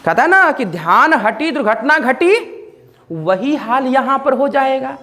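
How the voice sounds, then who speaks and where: A man's voice: very high-pitched, expressive, measured pace, bright, forceful tone. A man teaching an English grammar lesson, repeatedly asking the class questions and answering them himself.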